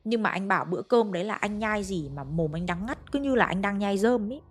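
A woman's voice: medium pitch, lively intonation, a little fast. A woman with a Hanoi accent narrating a ghost story in a conversational way, speaking to her listeners. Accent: Hanoi Vietnamese.

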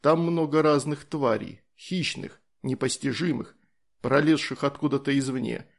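A man voicing a calm, easygoing soldier in an audiobook, explaining things in a matter-of-fact way. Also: mid-range voice, measured pace, close to an everyday voice.

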